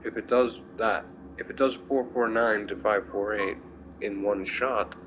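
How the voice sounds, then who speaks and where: A man's voice: lowish voice, fairly even intonation, measured pace, background noise. Sleepy man musing over a game. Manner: thinking aloud, trailing off and restarting. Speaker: gameplay streamer. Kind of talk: casual gameplay commentary.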